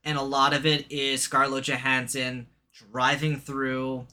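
A man's voice: medium pitch, monotone, unhurried, sharp tone. A man co-hosting a casual podcast, swearing freely and chiming in with short agreements. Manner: profane, laid-back, lots of short agreements. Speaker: podcast co-host. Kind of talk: casual chat.

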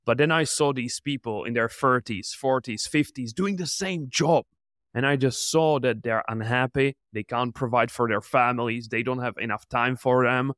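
A man's voice: mid-range voice, moderate pace, a bit bright, dry recording, clean studio sound. A man in his twenties from the Czech Republic, an entrepreneur answering interview questions in an earnest, motivational way. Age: 20s. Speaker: podcast guest, entrepreneur.

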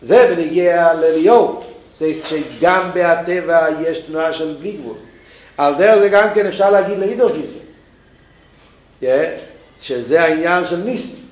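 High-voiced man teaching in an echoey room. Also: expressive, darkish tone. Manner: thinks aloud with many restarts. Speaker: Torah teacher.

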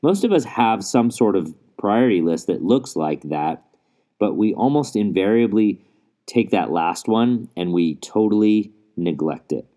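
A man's voice: lowish voice, expressive, a little slow, warm tone. A man hosting a podcast in a casual, conversational solo monologue, recorded under a blanket in a closet at home. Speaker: podcast host. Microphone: makeshift setup without usual recording gear.

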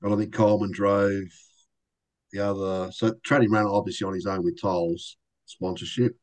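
A man's voice: on the low side, moderate pace, low-quality recording. Man telling racing stories. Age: older. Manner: animated anecdotes with quoted voices. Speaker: racing driver guest. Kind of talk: casual storytelling interview.

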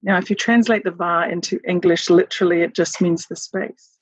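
A woman from Samoa speaking earnestly and thoughtfully in a recorded clip, pausing and restarting as she reflects. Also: fairly low pitch, steady tone, breathy edge, no echo. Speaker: interviewee. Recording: dull, dry, muffled recording.

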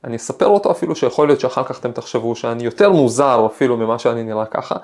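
A man's voice: mid-range voice, lively intonation, a little mellow. A man hosting a podcast, a professor giving a reflective talk with a personal anecdote and frequent hesitations. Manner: thoughtful, storytelling, frequent hesitations.

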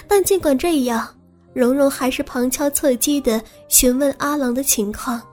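A woman reads serialized audiobook narration in a steady, smooth manner. Her voice is clearly high. Faint music plays beneath her.

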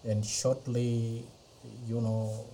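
Middle-aged Ethiopian-born man, non-native English speaker, measured testimony with frequent fillers, warm dark voice, slight hiss behind. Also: medium pitch, level tone, low-quality recording. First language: not English. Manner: hesitant, many pauses and fillers. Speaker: interview guest. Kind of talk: slow personal testimony. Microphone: podcast interview mic.

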